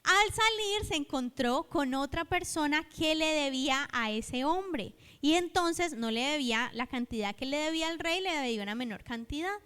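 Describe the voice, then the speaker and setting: Speaking at a normal speed with few pauses, a Colombian woman preacher sounds animated, her high voice fairly bright. Her sermon tells a parable whose dialogue she acts out, and she prompts the congregation to repeat after her, all captured with church hall reverb.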